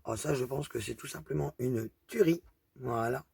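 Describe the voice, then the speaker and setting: Gravelly chatty woman with a thick accent. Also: rumbling low, normal speed, darkish tone. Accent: strong regional accent. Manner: chatty, hesitant, lots of fillers. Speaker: craft vlogger showing a haul. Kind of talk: casual product show-and-tell.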